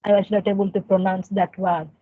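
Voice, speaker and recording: A woman's voice: medium pitch, little pitch movement, fairly quick. Hesitant woman on a dull call. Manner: hesitant, many fillers and restarts, non-native grammar. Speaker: conversation practice partner. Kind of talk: casual conversation practice. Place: indoors in a room. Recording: dry, dull lo-fi call audio.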